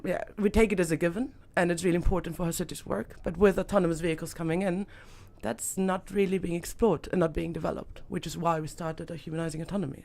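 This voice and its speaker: A young woman from Austria, talking as a guest on a studio podcast. Her voice has a gravelly, fry-tinged texture, and she speaks thoughtfully with many fillers and restarts. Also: lowish voice. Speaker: startup founder guest. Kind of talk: podcast interview.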